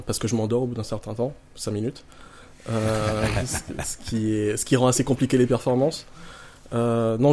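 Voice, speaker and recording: A man's voice: mid-range voice, dark tone. A man with a Marseille French accent, talking casually as an interview guest with dry, tongue-in-cheek humour. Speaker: guest, poker player.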